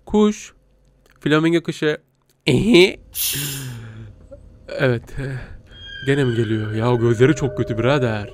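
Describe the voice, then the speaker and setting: A man's voice: mid-range voice, a little mellow, slight background noise. A man commenting on a horror game as he plays, yelping and laughing when scared and talking to his viewers and the creatures. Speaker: gaming streamer.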